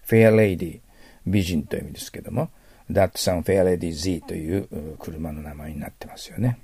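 A Japanese man teaches English vocabulary in a patient lecture style, overdoing his pronunciation so learners can mimic it. His voice is low, dark and gravelly. The recording is close and dry. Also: fast talker, dry recording.

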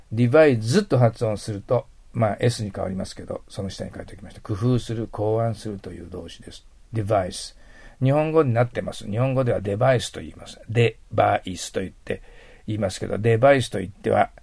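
A middle-aged man gives a patient vocabulary lesson in a low, gravelly voice with a husky edge. He explains each point at an even pace, and his phrases often fade into a near whisper. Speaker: English teacher.

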